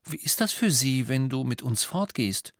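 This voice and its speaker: A man's voice: medium pitch, expressive, moderate pace, no echo, clean studio sound, pitched above the performer's own voice, natural voice. A man doing an earnest, hesitant young witch. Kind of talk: audiobook character reading.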